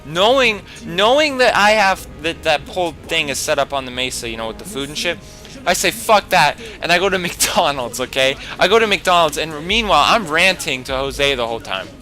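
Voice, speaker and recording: A young man tells his story in a cursing, rambling rush. His voice is bright and a touch high. Soft music plays underneath. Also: brisk. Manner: profane, animated storytelling with heavy filler. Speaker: vlogger. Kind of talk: casual storytime.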